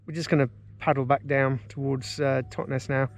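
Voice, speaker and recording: An English kayaker in his forties films himself on a river with an action camera on the boat, talking at normal speed in a mid-range voice with vocal fry. His outdoors vlog narration is casual, relaxed and enthusiastic, dotted with ums and uhs.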